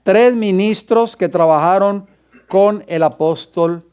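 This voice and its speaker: A man's voice: sits high, slow pace, darkish tone, smooth. A male pastor teaching a Bible class, quizzing his students and dictating scripture references for them to write down. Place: church classroom.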